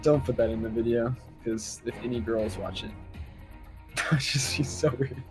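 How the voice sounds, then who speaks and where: A man's voice: medium pitch, fairly even intonation, moderate pace, faint music behind. A teenage boy chatting casually while playing a shooter game, goofy and prone to bursts of laughter. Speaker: gamer. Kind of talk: casual gaming chat.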